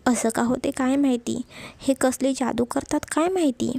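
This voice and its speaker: A woman's voice: high voice, normal speed, creaky, warm tone. A woman voicing a stubborn, sulking young wife who pouts and complains. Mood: fretful. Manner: sulky, pouting complaints.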